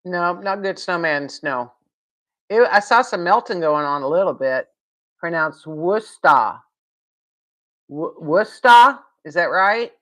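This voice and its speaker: A woman's voice: lowish voice, animated, measured pace, fairly bright tone. A woman hosting a casual live stream from home, rambling, laughing and answering viewer comments.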